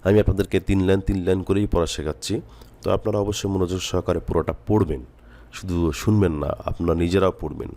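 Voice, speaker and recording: Deep-voiced man teaching Quran reading. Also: steady tone, mellow. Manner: slow, drawn-out recitation of letter drills; patient, repetitive explaining. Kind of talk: recorded lesson, teaching Quran letter reading.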